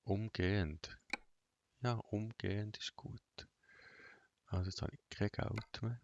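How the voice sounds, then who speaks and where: Low, monotone Bernese man muttering over noise. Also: slow, gravelly, muffled recording. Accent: Bernese Swiss German. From Switzerland. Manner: monotone, flat delivery, muttering to himself. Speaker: gaming video host. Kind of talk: casual let's play commentary. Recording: noisy, vehicle engine and clicking behind. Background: truck game engine sounds and clicks.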